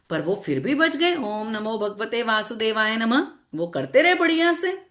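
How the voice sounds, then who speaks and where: A woman teacher telling a scripture story to children in an online class, animated and asking them questions as she goes. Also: on the high side. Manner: animated, repeats phrases, asks children questions. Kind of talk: storytelling lesson to children with slides.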